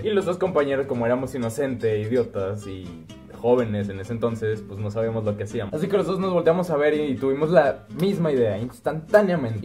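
A young man with a Mexican accent tells a childhood story to camera in a vlog, jumping from near-whispers to loud outbursts. His voice is mellow and relaxed, with faint guitar music in the background. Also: medium pitch. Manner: animated, jumps between hushed asides and loud exclamations. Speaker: vlogger.

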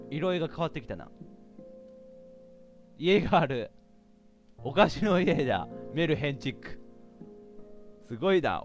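Young guy w doing a lets play, jokey, talks to himself, bouncy voice, mid pitch. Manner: chatty, jokey, reacts out loud to himself. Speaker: game streamer. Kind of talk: casual game commentary.

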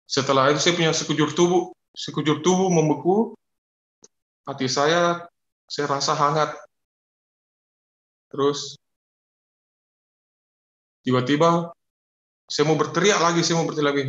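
A man giving an emotional personal faith testimony as a guest, speaking haltingly and repeating his phrases. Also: a little high, steady tone, a bit bright, roomy sound, lo-fi sound.

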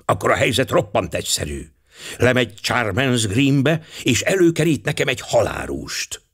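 A man's voice: medium pitch, big pitch swings, vocal fry, slightly rough, full character voice. A man voicing a fussy, vain older male Belgian detective who talks pompously and drops French words. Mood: brisk.

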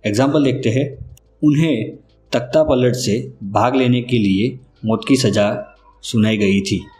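Slow, deliberate man teaching vocabulary. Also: mid-range voice, a little mellow, a little hiss or hum. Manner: slow, deliberate, spells words out letter by letter. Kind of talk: scripted vocabulary lesson. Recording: roomy echo with faint music.

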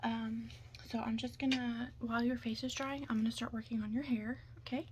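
A soft-spoken woman plays a makeup artist in an ASMR roleplay, half whispering in a breathy voice that often fades into a whisper. Her pitch is a little high with little movement, her pace brisk, and the background noise comes through clearly.

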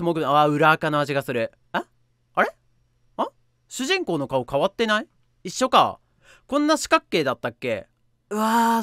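Female game streamer with a bright, animated voice, soft murmurs broken by sharp squeals, reads the game text aloud, dry close mic. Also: mid-range voice, no room sound. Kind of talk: let's play commentary.

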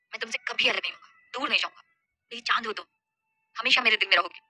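A woman's voice: a little high, fast talker, sharp tone. A woman voicing an impulsive lovestruck young man who stammers and pleads. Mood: tender.

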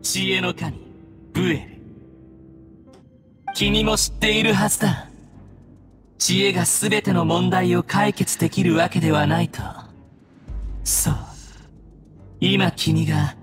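A man's voice: high voice, fairly bright tone, faint music behind. A man voicing an arrogant young newborn god in a mechanical body, with a haughty, theatrical delivery for an anime-style game. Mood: mocking. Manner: haughty, theatrical, contemptuous, deliberate. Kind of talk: Japanese anime game voice acting.

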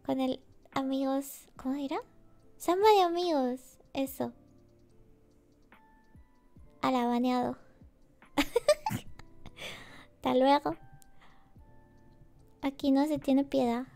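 A woman streamer chatting casually with her viewers in a cutesy, giggly, sleepy and soft voice. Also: high voice, takes it slowly, vocal fry, pauses often. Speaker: VTuber streamer. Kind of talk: relaxed casual chat with viewers. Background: faint music.

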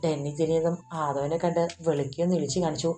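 Low, mellow woman narrating a story. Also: fairly even intonation, fast, soft background music. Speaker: audiobook narrator.

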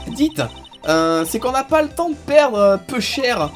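A woman reading game lines as a brash female photographer with a Marseille accent, talking loud and sing-song. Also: a little high, very animated, unhurried, faint music behind, voice pushed up. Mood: excitable. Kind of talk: reading game dialogue aloud.

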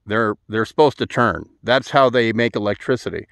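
A man's voice: on the low side, moderate pace, gravelly, fairly bright tone, no room sound. A middle-aged man vlogging to a phone held at arm's length outdoors, dry and sarcastic, with many "uh" fillers. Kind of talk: sarcastic to-camera vlog. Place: outdoors at a desert wind farm.

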